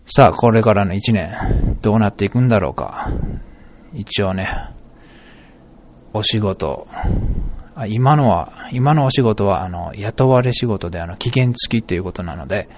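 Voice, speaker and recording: A man's voice: on the low side, measured pace, darkish tone, slight background noise. A middle-aged man musing aloud in a solo podcast monologue, rambling with many fillers and self-corrections.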